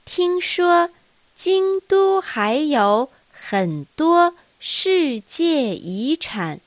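A woman teaching a language lesson, reading dialogue lines with careful, deliberate enunciation. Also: high voice, big pitch swings, dry recording.

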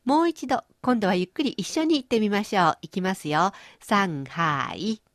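A woman's voice: medium pitch, sing-song, fairly quick, no echo. Woman teacher with a bouncy up-and-down voice, playful explanations, dry close sound. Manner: explains pronunciation with playful everyday images. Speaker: language teacher and host. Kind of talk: radio-style language lesson.

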